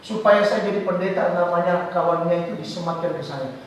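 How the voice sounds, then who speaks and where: A middle-aged man from North Sumatra preaching a loud, animated, joking sermon as pastor. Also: high-pitched, a little fast, a little hiss or hum. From Batak, North Sumatra. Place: large church hall. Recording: echoey church hall from far off.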